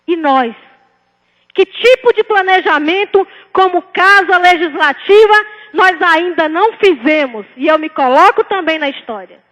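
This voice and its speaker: A woman's voice: sits high, a bit bright. A woman with a Northeastern Brazilian accent from Bahia gives an impassioned political speech as a city councillor, emphatic and full of rhetorical questions and repetition. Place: indoor council chamber. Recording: reverberant council chamber hall.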